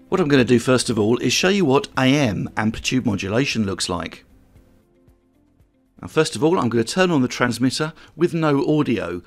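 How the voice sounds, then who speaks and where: Guy walking you through a radio lesson, friendly and plain, soft music behind. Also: mid-range voice. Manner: plain, friendly step-by-step explaining, speaking test counts on air. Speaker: amateur radio course instructor. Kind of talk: explanatory tutorial narration.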